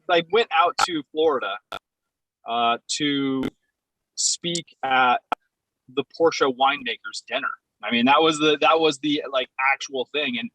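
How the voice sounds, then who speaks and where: A man talks from his parked car as a podcast guest, his voice bright and a little forward. He tells stories in a loose, rambling way, full of ums and restarts. The sound is dry, with no room around it. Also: medium pitch, no room sound, poor audio. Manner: rambling, hesitant storytelling with many ums. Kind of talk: casual chat.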